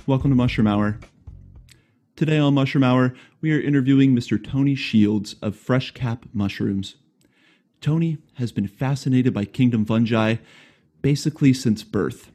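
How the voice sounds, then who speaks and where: Soft background music plays as a male podcast host reads a prepared introduction in a mellow, medium-pitched voice at a moderate pace. Then he eases into a casual interview, asking friendly, rambling questions with light humor.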